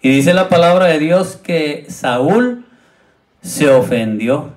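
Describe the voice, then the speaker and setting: A man's voice: a little high, animated, slow pace. A man, a pastor, preaching a sermon, retelling a Bible story and speaking directly to his congregation. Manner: retells a Bible story, acting out the quoted speakers in raised voices.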